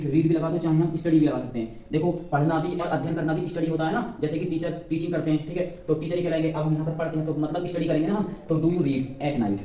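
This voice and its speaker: A male English grammar teacher with a Hindi accent who explains rules at a board. He keeps saying "ठीक है" and slows right down to dictate example sentences. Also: on the high side, mellow, recorded from a distance, muffled recording. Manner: repeats "ठीक है" constantly, dictates sentences slowly. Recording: roomy, off-mic, faint background noise.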